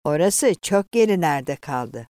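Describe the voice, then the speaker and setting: A woman doing a rude shouting bus conductor. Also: sits low, lively intonation, takes it slowly, dry recording, clean studio sound. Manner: gruff, mocking, shouting. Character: rude mocking male omnibus conductor, middle-aged.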